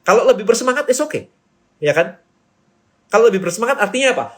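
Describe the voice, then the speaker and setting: Seorang pria yang membawakan ceramah pengajaran dengan hidup, memerankan kutipan orang lain dan menyelipkan frasa bahasa Inggris. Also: male voice, high voice, fast talker. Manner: lively, acts out quoted people, mixes in English phrases. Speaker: business speaker. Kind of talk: seminar-style teaching talk.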